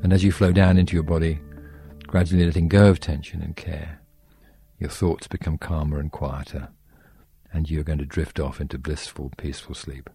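A man guiding a sleep meditation in a slow, soft, soothing way. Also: a bass voice, level tone, creaky, slightly rough, faint music behind.

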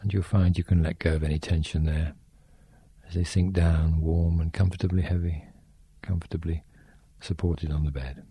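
A man guiding a sleep meditation in a slow, soft, soothing way. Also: sits low, steady tone, slightly rough, dry recording.

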